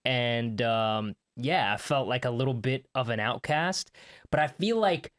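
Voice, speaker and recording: A young adult man from Canada hosts a casual interview podcast. He speaks at a mid pitch in an easygoing, conversational way, stacking up long questions for his guests. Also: measured pace. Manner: relaxed, conversational, asks long winding questions. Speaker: podcast host.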